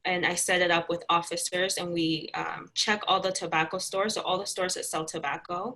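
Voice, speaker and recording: A young woman who works as a community health educator answers interview questions about her job as a guest, chatty and friendly, with plenty of "um"s. Her voice is fairly low-pitched with a sharp tone, and the recording is rough.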